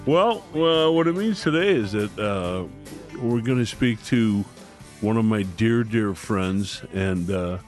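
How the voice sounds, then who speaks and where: A man's voice: fairly low pitch, lively intonation, slow, faint music behind. A middle-aged or older man hosting a podcast, chatting casually with anecdotes, jokes and salty language. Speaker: podcast host. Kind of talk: casual interview chat.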